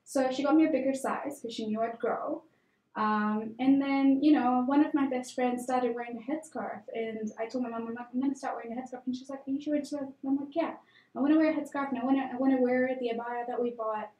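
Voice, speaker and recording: Guest: young woman from Tanzania, candid, chatty, slightly high mellow voice, echoey room. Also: steady tone, quick pace. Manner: candid personal storytelling with fillers. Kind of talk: conversational interview.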